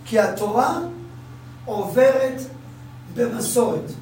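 A man's voice: very high voice, darkish tone, heavy reverb. A man teaching a religious class, repeating phrases and quizzing his listeners, recorded from a distance in a room with faint background noise. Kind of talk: Talmud class.

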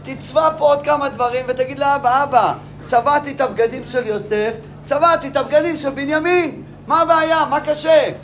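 A mocking ruler of Egypt who needles and teases with every line, as a teacher acts him out. He speaks in a raised, high register and keeps firing questions. It sounds like a lesson-room retelling, with a faint hiss behind it. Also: hardly any pauses, a bit bright. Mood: taunting. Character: mocking, all-knowing male ruler of Egypt.

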